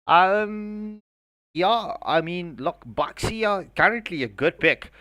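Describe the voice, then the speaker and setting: A South African man calls a live esports match with a bright, ringing tone and a slow, drawn-out delivery. His voice sits a little high for a man and sounds close and dry, and he jokes about himself and laughs between the calls. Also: expressive, no echo. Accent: South African English. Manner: jokey and self-mocking, laughs between calls. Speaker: esports caster.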